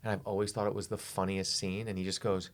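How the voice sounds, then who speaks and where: A man's voice: low-pitched, little pitch movement, fast, slight background noise. A man in his forties co-hosting a comedy podcast, telling stories with enthusiasm and stumbling over repeated words. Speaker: podcast co-host. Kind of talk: casual comedic chat.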